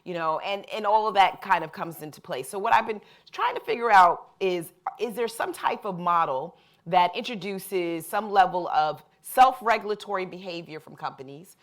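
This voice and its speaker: A woman speaking as a panelist at a live public discussion, laying out her ideas in a measured, thoughtful way. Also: mid-range voice.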